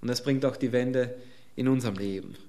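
A man's voice: mid-range voice, fairly quick, warm tone. A man preaching a sermon, speaking emphatically and pressing his listeners with repeated rhetorical questions.

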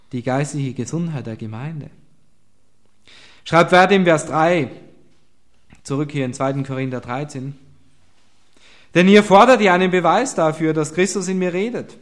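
A man preaching a sermon, earnest and emphatic, asking his listeners direct questions and dropping to a quiet voice at times. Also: medium pitch.

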